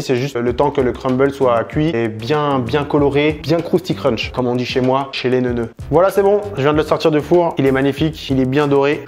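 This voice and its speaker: A man's voice: mid-range voice, a little mellow. A man hosting a casual cooking tutorial in a home kitchen, playful, jokey and chatty. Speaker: cooking vlogger.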